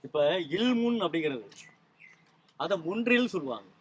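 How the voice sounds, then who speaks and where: A man's voice: sits high, sing-song, moderate pace, muffled recording, a little hiss or hum. A man teaching language and spelling rules to a small group, patient and explanatory, often checking with questions. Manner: patient, quizzes listeners with repeated questions.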